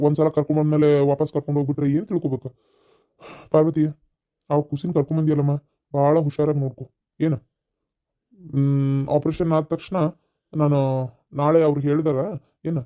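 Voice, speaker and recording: A man voicing a patient father-in-law in a cartoon, with a North Karnataka accent and a calm, soothing way of reasoning. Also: on the high side, close to an everyday voice. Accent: North Karnataka Kannada.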